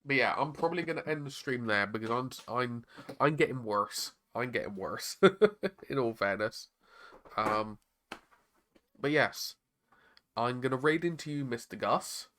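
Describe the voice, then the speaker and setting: Hoarse, raspy man streaming. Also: medium pitch, normal speed, pushed and bright. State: hoarse, struggling to talk. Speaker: streamer painting miniatures. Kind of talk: casual live-stream chat.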